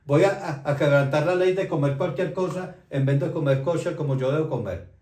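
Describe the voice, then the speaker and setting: An anxious, devout man pleads and protests with raised voice, as a preacher acts him out in a sermon. His tone stays mellow. An echoey room carries it. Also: on the high side, fairly quick, far from the mic, voice pushed up, natural voice. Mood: protesting.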